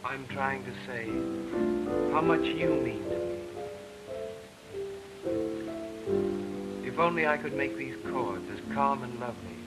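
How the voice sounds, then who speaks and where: An actor playing an earnest, affectionate young composer, newly married and anxious, in an early talkie film. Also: male voice, medium pitch, moderate pace, over loud music, close to an everyday voice. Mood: tender. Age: young adult. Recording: scratchy 1920s film soundtrack.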